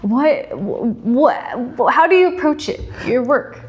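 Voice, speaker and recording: A woman's voice: high voice, lively intonation, takes it slowly. Encouraging woman podcast host. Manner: encouraging, frequent listening murmurs. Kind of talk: casual interview chat.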